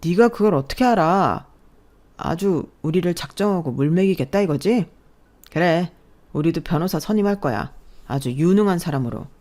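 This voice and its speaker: A woman's voice: on the low side, lively intonation, normal speed, darkish tone, lightly acted. A woman voicing an arrogant young man who is being exposed as a fraud, talking in a scornful, defensive way.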